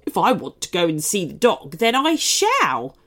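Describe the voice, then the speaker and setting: A woman voicing a rude, bad-tempered male cupcake in a storybook, snapping slowly and scornfully. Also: on the low side, wildly swooping pitch, fairly bright tone, full character voice.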